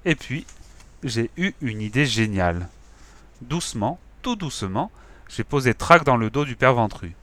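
A man reading a children's story aloud in a lively, expressive way. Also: mid-range voice, moderate pace. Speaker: audiobook narrator. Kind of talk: scripted children's story narration.

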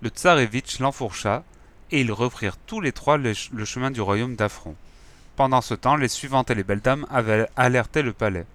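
A man narrating a fairy tale in a calm, measured reading voice. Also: mid-range voice.

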